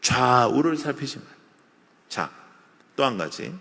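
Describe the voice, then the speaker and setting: A man preaching a revival sermon in a conversational, animated way, acting out little scenes for the congregation, recorded in a large church. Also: medium pitch, unhurried. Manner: lively, conversational preaching with acted-out asides. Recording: long church hall reverb.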